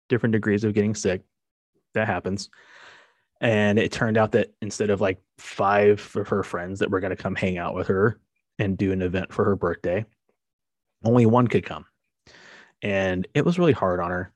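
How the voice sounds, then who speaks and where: Chatty low-voiced father rambling. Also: no echo. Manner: rambling, conversational with many fillers. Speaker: podcast host. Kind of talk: casual monologue.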